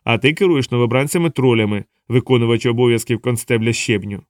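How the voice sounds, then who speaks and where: A man doing a calm, polite young officer. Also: mid-range voice, fast talker, no echo, studio quality, natural voice. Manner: calm, courteous. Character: earnest, polite young male watch officer.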